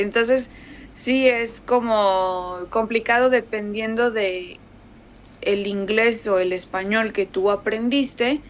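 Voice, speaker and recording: Woman, northern Mexican accent, casual chat, animated storyteller, faint background noise. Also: mid-range voice. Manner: chatty, animated storytelling with many fillers. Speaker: guest. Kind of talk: casual conversation.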